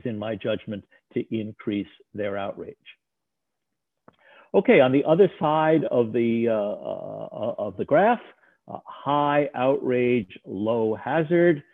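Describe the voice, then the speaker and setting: A man's voice: on the low side, dry recording. Man lecturing over a tinny line. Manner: discursive, frequent uh and um fillers, restarts. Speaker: lecturer on risk communication. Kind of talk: slide lecture presentation. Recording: tinny phone-like line, dry sound.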